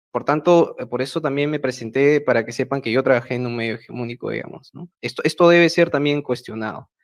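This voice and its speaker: A man from Peru's central Andes with a Peruvian Spanish accent, giving a measured prepared talk at an online meeting, pausing often with hesitant fillers. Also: a little high. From Peru, central Andes. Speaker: speaker at an online project meeting. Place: home, remote video call. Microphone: video call mic.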